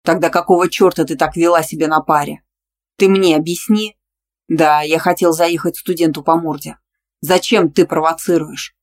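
A cocky, possessive young male teacher, blunt and pushy in his demands, with a teasing edge. A narrator reads him in an audiobook. Delivered at a steady, ordinary pitch. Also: moderate pace, natural voice. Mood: angry. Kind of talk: audiobook dialogue reading.

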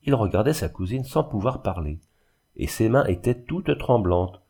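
A man narrating a literary audiobook in a measured, even storytelling manner. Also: on the low side, husky.

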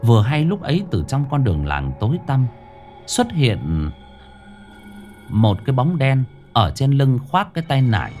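Lively storyteller. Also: male voice, medium pitch, unhurried, faint music behind. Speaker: narrator. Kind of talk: ghost story narration.

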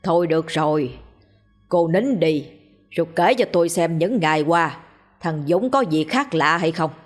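A woman doing a hoarse old exorcist man. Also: on the high side, animated, moderate pace, soft background music, lightly acted. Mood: stern. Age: older. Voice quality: hoarse, aged voice. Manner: curt, commanding. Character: old hoarse male village exorcist, stern.

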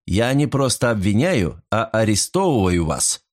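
Man voicing a stern detective, clipped, emphatic, lively pitch, audiobook figure. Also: measured pace.

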